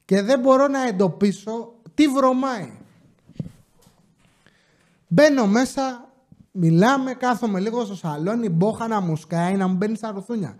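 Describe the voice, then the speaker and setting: Male podcast host, high-ish voice, casual storyteller, acts out dialogue with lively energy. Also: pauses often. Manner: animated, acts out quoted dialogue.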